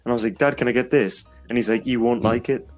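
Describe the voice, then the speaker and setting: A man's voice: mid-range voice, fast, faint music behind. A young man, co-hosting a casual podcast and telling stories that are full of laughter. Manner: laughing, storytelling with loud acted quotes. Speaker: podcast co-host. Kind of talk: casual chat.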